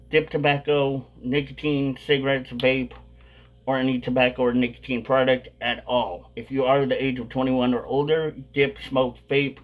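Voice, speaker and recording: A man's voice: mid-range voice, poor audio. A man hosting a casual vlog, talking with a dip of chewing tobacco tucked in his lip. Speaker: video host.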